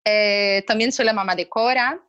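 A woman's voice: mid-range voice, moderate pace, a bit bright, muffled recording. A woman from Brazil, speaking Spanish with a Brazilian Portuguese accent as a podcast co-host, chatting casually and thoughtfully with small hesitations.

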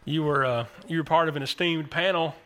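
A talkative man hosting a podcast from a small studio, his voice sitting a bit higher than most men's. He wanders through his thoughts in a loose, friendly chat. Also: fairly even intonation, fairly quick, slight background noise. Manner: chatty and rambling, thinks out loud. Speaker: podcast host.

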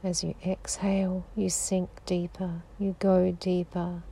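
A woman leads a guided sleep meditation, speaking slowly and soothingly and often sinking into a whisper. Her low voice is mellow and even, with a gravelly edge. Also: slight background noise. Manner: slow, soothing, drifting into whispers.

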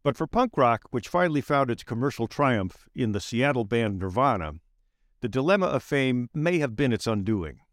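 A man reading aloud his own essay in a measured, wry narration with slowed emphatic phrases. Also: medium pitch, sing-song, dry recording, clean studio sound.

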